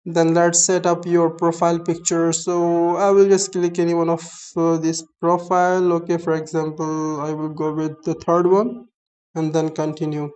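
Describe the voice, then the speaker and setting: A young Pakistani man whose first language is Urdu reviews an app in a screen-recorded tutorial, speaking in a flat, fairly high, smooth voice over lo-fi audio. He explains things haltingly and opens many phrases with "so".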